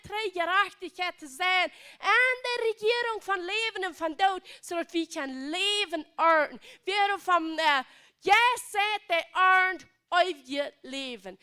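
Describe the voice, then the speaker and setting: A woman's voice: extremely high pitch, sharp tone. A woman with a Plautdietsch accent preaching a sermon in an emphatic, repetitive way.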